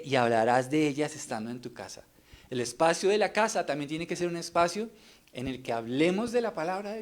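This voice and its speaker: Middle-aged man, church preacher, earnest, somewhat high-pitched, asks pointed rhetorical questions. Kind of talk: sermon.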